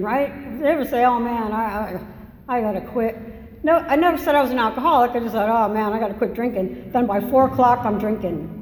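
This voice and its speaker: A fairly high, darkish voice belongs to an older woman with a Massachusetts accent speaking at a recovery meeting. Her personal testimony in the meeting hall, captured with echo and faint noise, is candid, rambling, and self-deprecatingly funny.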